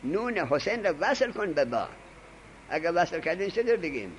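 An Arabic grammar teacher lectures his class in a lively, swooping voice that sits a bit high for a man. He stresses points hard in animated teaching and pauses to dictate notes to his students. The audio is poor, with faint noise underneath.

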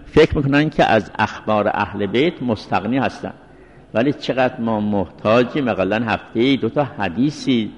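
A male seminary teacher giving a religious law lecture, repeating references slowly and mixing in recited phrases. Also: medium pitch. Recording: long reverberant hall sound.

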